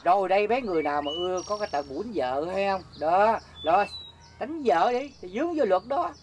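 Rapid older village uncle, Southern Vietnamese accent, teasing, scolding. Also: male voice, high-pitched, lively intonation, slight background noise. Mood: explaining. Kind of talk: rural comedy film acting.

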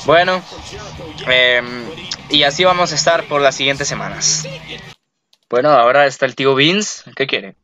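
Excitable, foul-mouthed young game commentator. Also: male voice, medium pitch, measured pace, long pauses, music in the background. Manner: excitable, profane, yelling at the game. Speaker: gameplay commentator. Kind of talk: casual gameplay commentary. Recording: lo-fi muffled recording.

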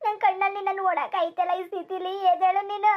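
A sobbing village elder sister, played by a woman in a comic cartoon, wailing loudly and calling her dead sister to get up again. Her squeaky, very high voice keeps breaking into cries. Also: level tone, fast talker, highs cut off. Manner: loud sobbing lament, repeated calls to wake up. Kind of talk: comic cartoon mourning lament.

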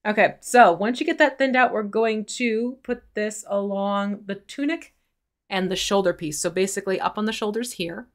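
A woman's voice: mid-range voice, moderate pace. A woman teaching mini painting on a live stream, explaining each step in a chatty way while she works. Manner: explains steps while working, chatty and laughing.

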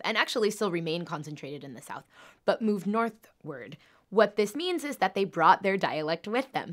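A woman's voice: fairly low pitch, fairly bright tone. A woman linguistics professor explaining speech and parody in an analytical way, with examples. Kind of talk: explanatory interview.

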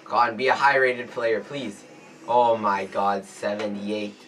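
A teenage male host giving casual, excitable commentary in short exclamations during a gaming challenge video. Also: lowish voice, measured pace. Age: teens. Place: small indoor room with cloth backdrop. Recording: distant mic, music behind.

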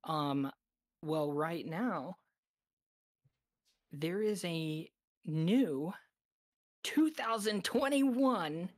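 A woman chatting casually on a podcast, relaxed and hesitant, with many fillers. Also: lowish voice, drawn-out words, pauses often, no room sound, studio quality. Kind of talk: casual chat.

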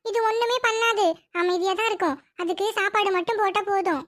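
Woman voicing little cartoon girl, eager, chatty, playful, very high voice. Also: fast, fairly bright tone.

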